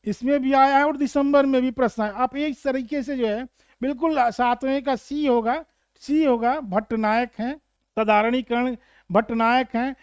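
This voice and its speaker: A man teaching Hindi literature for exam prep, explaining slowly and repeating points with questions to students. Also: extremely high pitch, steady tone, clear, resonant tone, no room sound, studio quality.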